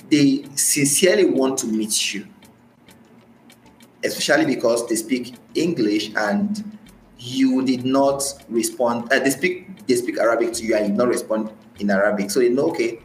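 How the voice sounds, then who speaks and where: In a conversational podcast interview, a Nigerian guest with a Nigerian accent recounts his experiences and repeats phrases for emphasis. His mid-range voice is expressive and moves at a moderate pace. The recording has a slight hiss or hum, roomy echo, and faint music.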